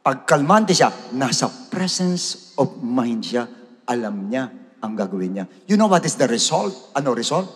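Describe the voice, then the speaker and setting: Dramatic Filipino male preacher, lively pitch. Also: measured pace. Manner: dramatic, swinging from shouts to hushed asides. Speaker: pastor. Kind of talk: sermon. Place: church hall. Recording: long reverb of a church hall.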